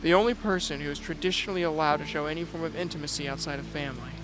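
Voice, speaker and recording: A man plays the lead in an audio drama, a dutiful young prince and heir who narrates his own tale in first person, with dialogue, in a reserved, measured way. His natural voice is on the high side and the mood is brooding and reflective, with music and rain behind him.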